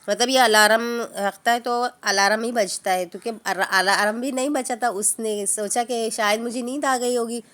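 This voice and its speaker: A woman's voice: a little high, a bit bright. A woman vlogger casually telling a story from her home kitchen, rambling and restarting her sentences as she goes. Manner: chatty, rambling with many restarts.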